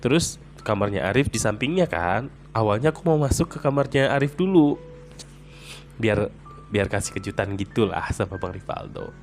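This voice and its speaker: A man's voice: fairly low pitch, expressive, moderate pace, faint music behind. A young man telling a personal story in a chatty, rambling way, full of fillers.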